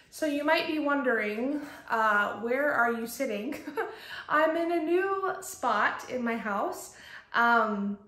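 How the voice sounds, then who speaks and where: A woman's voice: a little high, fairly bright tone. Woman talking in an echoey empty room. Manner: chatty, with many ums and uhs. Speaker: podcast host and shop owner. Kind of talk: casual chat. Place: empty home office with bare walls.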